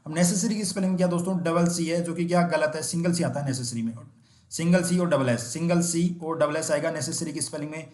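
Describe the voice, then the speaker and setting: A man teaching an exam-prep spelling lesson. He asks quick questions, answers them himself, and spells words out slowly letter by letter. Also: fairly high pitch, darkish tone, roomy sound.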